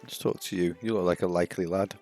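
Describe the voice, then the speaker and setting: A man's voice: low voice, steady tone, fast talker, creaky, darkish tone, soft background music. A man streaming a game playthrough, cracking sarcastic, jokey asides over the game. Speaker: streamer, host.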